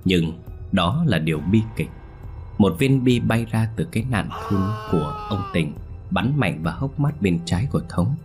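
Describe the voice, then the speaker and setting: Male horror narrator, very deep voice, steady dramatic telling, faint music underneath. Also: normal speed. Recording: soft music bed.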